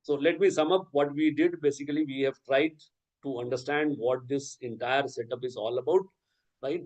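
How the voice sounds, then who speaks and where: The recording is low quality, capturing a man with a medium-pitched, slightly mellow voice, fairly even intonation and normal speed. He's a native Urdu speaker working as a workshop resource person, explaining to teachers on a video call and checking in often with "okay" and "right?".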